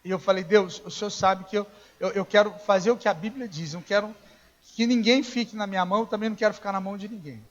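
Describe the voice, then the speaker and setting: A man preaching a sermon as pastor, telling stories in a conversational way, acting out the dialogue and now and then rising to a shout. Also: high voice, fairly even intonation, fast. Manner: conversational storytelling, acts out dialogue, rises to shouting. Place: church. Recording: dull lo-fi church recording.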